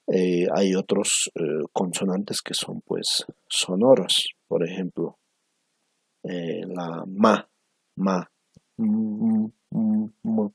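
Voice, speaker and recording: A deep, gravelly man gives a slow, patient pronunciation lesson. His voice is husky and very low, and he drills each syllable aloud. The sound is dry and close, with almost no room. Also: no echo. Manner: slow, measured, tags phrases with "¿no?"; repeats sounds and words for pronunciation. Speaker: language teacher. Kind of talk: recorded lecture on phonetics.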